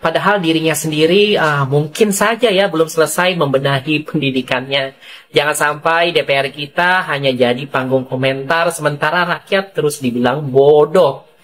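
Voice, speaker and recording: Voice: medium pitch, normal speed, a bit bright. A narrator reading scripted gossip news commentary, rhetorical and addressing viewers directly.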